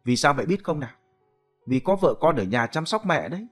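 A man playing a busy son, a company chairman, who speaks in a brisk, hurried way. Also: a little high, expressive, a bit bright, soft background music, voice pushed up.

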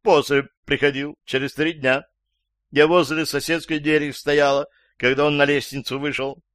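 An excitable old woman witness, put on by a male audiobook reader sits high above his own voice and flings shrill accusations. She is suspicious of everyone in the room. The recording is dry and close. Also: normal speed, no echo, lightly acted. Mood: agitated. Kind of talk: audiobook character voice.

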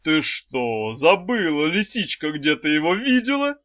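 A man's voice: on the high side, sing-song, no room sound. Man playing a wheezy, unctuous old brain-eater. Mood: doting. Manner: slow, sugary, polite. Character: genteel old male brain-eating shopkeeper, unctuous and tender. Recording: dull, slightly lo-fi dry recording.

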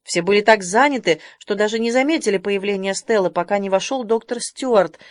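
A woman's voice: mid-range voice, brisk, no room sound. Woman narrating a novel, dry studio sound. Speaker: audiobook narrator. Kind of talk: scripted narration.

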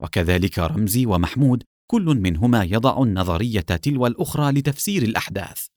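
Storybook: gentle young woman, read by a man, low and soft. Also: animated, fast talker, no room sound, clean studio sound, close to an everyday voice. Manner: soft-spoken.

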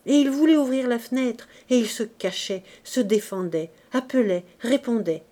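Woman narrating a classic novel expressively. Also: medium pitch. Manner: expressive, dramatic reading. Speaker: audiobook reader. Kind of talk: literary audiobook narration.

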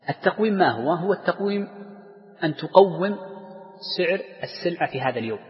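A man teaching jurisprudence to a class, explaining step by step with worked examples and questions to his students. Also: mid-range voice. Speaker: sheikh teaching Islamic jurisprudence. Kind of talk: lecture to students. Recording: dull lo-fi recording with long hall reverb.

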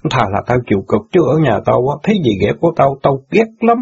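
A man's voice: medium pitch, sing-song, quick pace, a little mellow, slightly rough, heavily acted. A man voicing an angry, heartbroken young newspaper boy who pours out his grievances in an audiobook drama. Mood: bitter. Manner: bitter, aggrieved outbursts. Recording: dull lo-fi audio.

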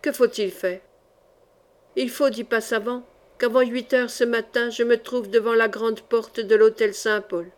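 A woman's voice: a little high, steady tone, measured pace. A woman reading a historical adventure novel aloud as an audiobook, with dramatic delivery. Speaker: audiobook reader.

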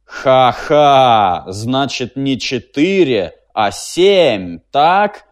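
Man voicing a dim-witted giant female machine, stubborn, menacing, slow, booming. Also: expressive.

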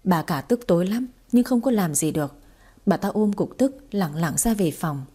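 Woman narrator, audiobook, warm tone, breathy edge, lively storytelling. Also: lowish voice, normal speed.

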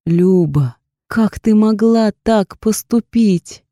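A woman voicing a hot-tempered young man, a blunt, gruff boyfriend who shouts in anger. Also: medium pitch, takes it slowly, dry recording, studio quality, lightly acted. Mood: stern.

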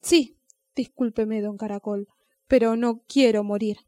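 A woman's voice: fairly high pitch, steady tone, warm tone, no room sound, close to an everyday voice. A woman voicing a dim-witted, fearful male dog who whines anxiously. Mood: whimpering. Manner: whiny, anxious, slow-thinking.

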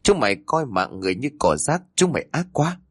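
A man's voice: medium pitch, sing-song, fairly quick, husky, no room sound, clean studio sound, pitched above the performer's own voice. A man voicing a vengeful female ghost who curses her killers in a raised, accusing voice. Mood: furious. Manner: snarling, accusing.

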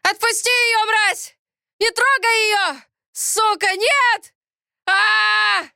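A woman voicing a desperate, furious captive man who shouts himself hoarse. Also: very high-pitched, fairly even intonation, very slow, no echo, clean studio sound, pitched above the performer's own voice, exaggerated voice. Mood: frantic. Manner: frantic shouting.

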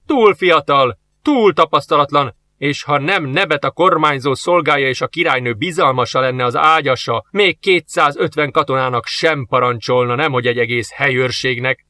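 A man voicing a gruff, scornful male soldier who speaks in a drawn-out, mocking way. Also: a little high, lively intonation, bright, forceful tone, no echo. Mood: insistent.

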